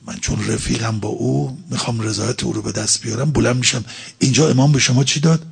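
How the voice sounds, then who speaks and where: A man's voice: medium pitch, creaky, breathy edge. A man preaching a religious talk, explaining by asking and answering his own questions. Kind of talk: sermon.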